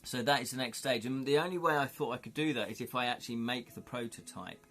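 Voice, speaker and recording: A British livestream host chats casually with viewers, rambling and thinking aloud with plenty of "you know". He talks fast, with a medium-pitched, fairly bright voice.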